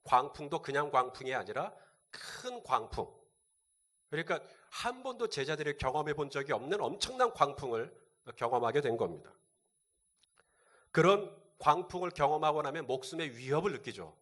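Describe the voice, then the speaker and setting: A man preaches from the pulpit as a pastor. His voice sits a little high for a man. He keeps putting questions to his congregation and then answering them. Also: very animated, normal speed, fairly bright tone. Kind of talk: sermon.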